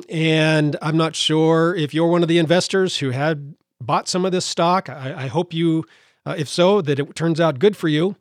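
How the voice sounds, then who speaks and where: An American man hosts a solo podcast, his voice on the high side and slightly worn, delivered at a measured pace. He sounds indignant, full of fillers and restarts, and the recording is studio quality with no room sound.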